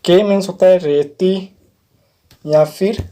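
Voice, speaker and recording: A man gives a vocabulary lesson in a high-pitched, mellow voice, taking it slowly over slight background noise. He spells every English word letter by letter, explains it patiently, and says "theek hai" often.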